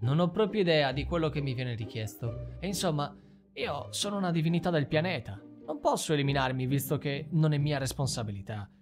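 A man's voice: a little high, lively intonation, a little fast, over music, close to an everyday voice. A man voicing a playful, proud female goddess of the planet in a read-aloud story. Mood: indignant.

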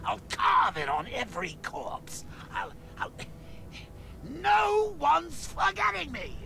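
An actor playing a manic, vain villain clown in a video game, theatrical, mocking and volatile, with a creaky voice that leaps into shrill cackles. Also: male voice, wildly swooping pitch, slow, bright, forceful tone, slight background noise, exaggerated voice. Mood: rattled rage.

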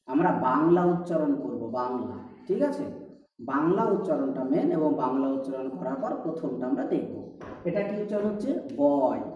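A man's voice: a little high, mellow. Patient male teacher in an echoey room. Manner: patient, repeats points with rhetorical questions. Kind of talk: explaining a lesson. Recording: echoey, distant, dull-sounding room recording.

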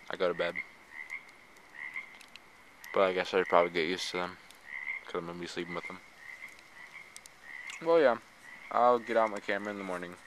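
A man's voice: deep voice, a bit bright, slight background noise, poor audio. A man chatting offhand to his handheld camera in an empty campground outdoors at night, rambling about his campfire and the frogs. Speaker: vlogger. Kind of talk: casual camping vlog. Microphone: handheld camera mic. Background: croaking frogs.

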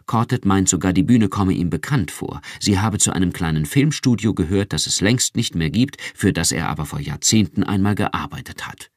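A man's voice: sits low, lively intonation, moderate pace, few pauses, dry recording, studio quality. A man playing a brittle, pedantic research chief.

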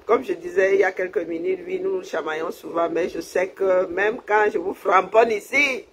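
On a low-quality recording with slight background noise, a woman from Cameroon keeps up a relaxed live chat as a livestream host. She speaks at a moderate pace in a lowish voice, frequently laughing and expressing thanks to those watching.

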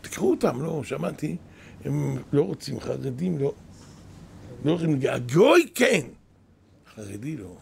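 Speaking in a yeshiva study hall, an older Israeli rabbi, a kabbalist and yeshiva head, delivers a weekly Torah sermon in a very gravelly, fairly high voice. He often pauses, then bursts into animated exclamations, laments and stories, over slight background noise.

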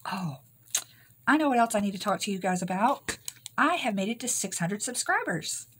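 A woman's voice: mid-range voice, lively intonation, normal speed, fairly bright tone, slight background noise. A woman hosting a crafting video, chatting casually and talking herself through her work. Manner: chatty, talks to herself while working. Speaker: crafting channel host. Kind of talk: casual crafting vlog chat.

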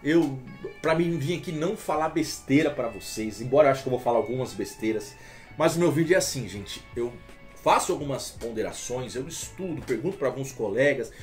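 A Brazilian man who sells motor oil, talking casually to the camera and reading a text aloud with halting restarts. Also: medium pitch, expressive, soft background music. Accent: Brazilian Portuguese. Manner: chatty, explanatory, reads aloud haltingly with restarts.

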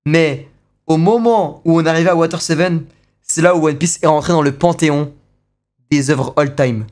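A young man streaming live and reacting to a video. He talks excitedly, with lots of slang and repeated exclamations. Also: on the high side, moderate pace.

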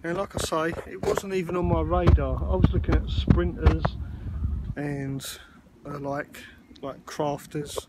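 Standing by parked vans outside, this UK vlogger chats in a loose, meandering way, dropping lots of fillers. He speaks a little slowly in a fairly high, steady voice, and the clip is very noisy.

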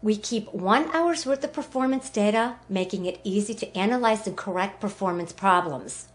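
Upbeat female presenter for an app demo, enthusiastic scripted pitch, mid-pitched. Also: moderate pace. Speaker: product presenter. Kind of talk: cheerful scripted product demo.

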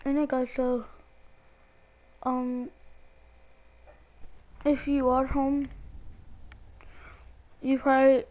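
Extremely slow and full of pauses, a high-sitting monotone voice comes through lo-fi sound. The speaker is a school-age gamer who creates gaming videos, rambling hesitantly and casually through gameplay commentary and repeating words. A split lip hinders his speech.

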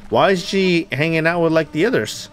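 A man's voice: a little high, unhurried, slight background noise. A man giving let's play commentary on a horror game, jumpy and nervous, swearing often and talking to his viewers. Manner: talks to the viewers while playing. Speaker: gamer playing a horror game.

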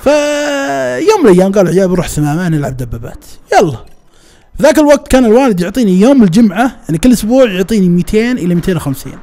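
A man with a Saudi Najdi accent telling a personal story in a casual, lively, colloquial way, often laughing and acting out the people he talks about. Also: sits high, very fast. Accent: Saudi Najdi Arabic. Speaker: storyteller recounting his past.

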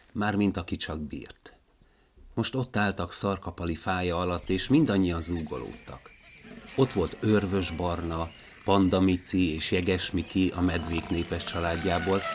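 A man narrating a children's fairy tale from a script, in a calm, even storytelling manner. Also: low voice, noisy background.

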